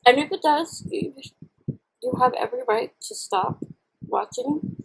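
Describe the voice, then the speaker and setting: A woman chatting candidly and casually to camera in a halting, reflective way, chewing while she talks. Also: sits high, very animated, creaky, poor audio. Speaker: vlogger. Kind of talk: casual personal chat to camera while eating.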